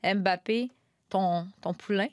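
A woman's voice: medium pitch, takes it slowly. A woman with a Quebec French accent hosting a soccer panel, playful and teasing. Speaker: host. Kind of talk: casual panel talk.

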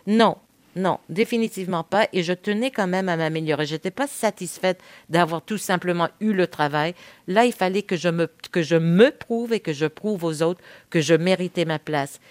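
A woman in her fifties from Quebec, a native Spanish speaker, reflects candidly on her career as an interview guest. Her voice sits low for a woman, and it sounds dry and close, with no room echo. She pauses often on hesitant "euh"s. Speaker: guest, veteran TV host.

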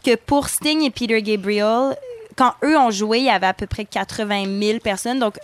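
A young woman with a Quebec French accent, a singer chatting casually as a radio guest, relaxed and full of restarts. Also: a little high, normal speed. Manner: relaxed, talks in restarts with "fait que" and "comme".

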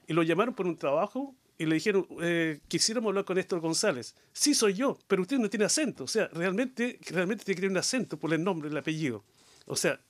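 A man's voice: fairly high pitch, no room sound. A middle-aged man speaking earnestly in a panel discussion, with many hesitations. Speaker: guest, diversity advocate. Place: Quebec.

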